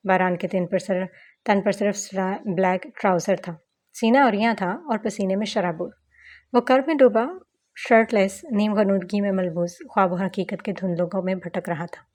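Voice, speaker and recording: A woman's voice: medium pitch, a little mellow. A woman narrating a romance audiobook novel in a flowing, dramatic reading style with occasional stumbles.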